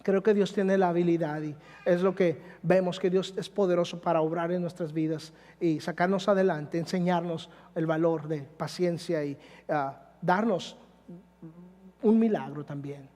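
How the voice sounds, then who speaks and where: High-voiced man preaching in a reverberant church. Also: moderate pace, mellow. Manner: conversational preaching with frequent "¿verdad?" tag questions. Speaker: pastor. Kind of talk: sermon. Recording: long church hall reverb.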